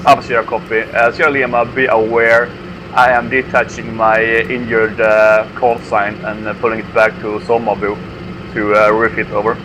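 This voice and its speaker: A man making halting military radio reports as a unit leader in an online simulation, over a crackly radio-style link. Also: lowish voice, little pitch movement.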